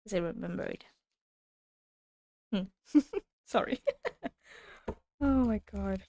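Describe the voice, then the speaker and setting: A young woman hosting a reaction video, gushing and excitable as she comments casually. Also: mid-range voice, slow, dry recording, clean studio sound. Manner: gushing, excitable, talks over music.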